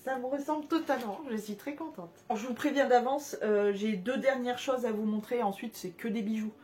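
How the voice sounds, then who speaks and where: Gushing chatty young woman, slightly high. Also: brisk, dark tone. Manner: gushing, chatty, many fillers and restarts. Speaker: haul vlogger. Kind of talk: casual haul video chat.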